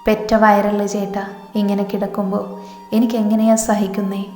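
A woman's voice: medium pitch, little pitch movement, moderate pace, close to an everyday voice. A woman narrator voicing an older mother who scolds sharply but is worried and near tears for her daughter. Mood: tearful. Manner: scolding, then tearful pleading. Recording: echoey room reverb, soft music.

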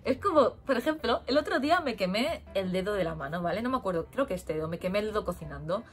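A young woman from Spain, a teacher in Japan, telling funny classroom stories in an animated way and acting out the children's voices. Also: mid-range voice, fast. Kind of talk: storytelling vlog.

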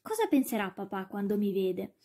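A woman voicing a frightened young boy who calls out in high, breathless bursts while chasing his dog. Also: very animated, moderate pace, dark tone.

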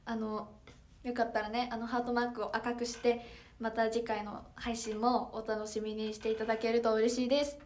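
A woman's voice: on the high side, little pitch movement, normal speed. Cheerful teenage girl with a Toyama accent. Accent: Toyama dialect. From Toyama, Japan. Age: teens (16). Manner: bright and polite, many fillers, reads comments aloud. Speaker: idol livestreamer reading viewer comments. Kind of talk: casual livestream chat.

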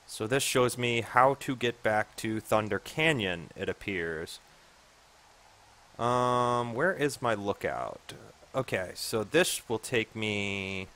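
A man's voice: lowish voice, bright, forceful tone. A man in his forties casually commenting on gameplay with sarcastic, self-deprecating asides. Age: 40s. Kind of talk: casual let's-play commentary.

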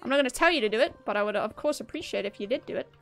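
A woman's voice: on the high side, lively intonation, rapid-fire, a bit bright. Chatty upbeat young woman streamer. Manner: chatty, upbeat, laughs often, talks to chat. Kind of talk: casual live-stream chat while gaming.

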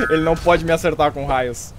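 High, lively Brazilian man gaming. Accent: Brazilian Portuguese. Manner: swears often, laughs and taunts the enemy. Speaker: streamer. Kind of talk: live gameplay commentary.

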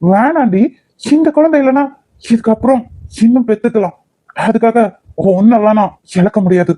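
A woman's voice: on the high side, moderate pace, warm tone, no echo, lightly acted. Woman voicing a worried young husband. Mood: stern worry. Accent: Kanyakumari Tamil. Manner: stern, pleading with his wife. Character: worried young husband, firm but loving. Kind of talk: cartoon drama voice acting.

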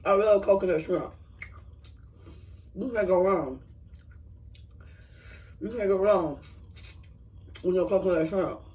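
A man's voice: sits high, slow pace, long pauses, a little mellow, distant mic. Man talking with his mouth full. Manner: rambling, searching for words with many ums. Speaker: mukbang vlogger. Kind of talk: casual chat to viewers while eating.

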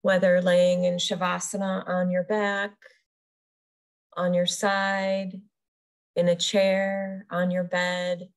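Her voice sits on the low side and stays monotone as she leads a guided meditation. She's a yoga nidra teacher, calm and unhurried, pausing after each brief phrase.

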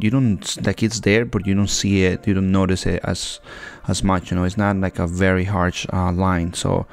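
A man's voice: lowish voice, gravelly, a little mellow. A young man, a barber, talking casually over haircut footage in a rambling way with many fillers and restarts.

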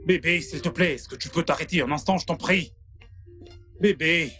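A man's voice: a little high, normal speed, pushed and bright, faint music behind. A man dubbing a broke young man who pretends to be rich, stammering and pleading with his girlfriend. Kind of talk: French dub of a film.

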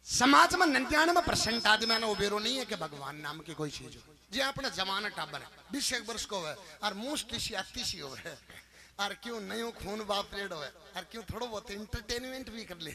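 High-voiced Rajasthani folk preacher. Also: male voice, lively intonation, moderate pace, pushed and bright. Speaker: bhajan singer and religious storyteller. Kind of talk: devotional folk singing and comic village storytelling.

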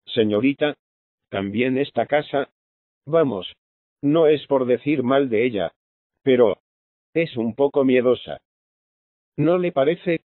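A man's voice: mid-range voice, normal speed, close to an everyday voice. A man voices a devout young priest, shy and earnest, hesitating a little as he speaks. The sound is narrow and tinny, with no room echo at all.

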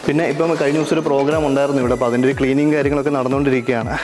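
Speaking very fast in a steady, medium-pitched voice, this vlog host and event planner from Kerala, India, walks viewers through a venue. His Malayali-accented explanations are casual and practical, peppered with English terms.

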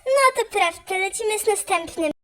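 A woman co-hosting a channel, her voice run through a pitch-raising voice changer, chatting casually as she reviews old videos. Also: normal speed, sharp tone. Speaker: channel co-host.

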